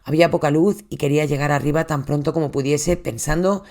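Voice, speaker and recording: A true crime host with a Spain Spanish accent giving a scripted narration, dropping the voice low on tense details. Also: steady tone, fairly quick, creaky, a little mellow.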